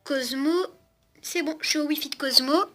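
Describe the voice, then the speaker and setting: Faint music plays behind a high-pitched, sharp-toned woman speaking at normal speed with a steady tone. She's a young vlogger at home with a cat on her lap, casually demonstrating a toy robot and talking to it and her viewers. The recording is noisy.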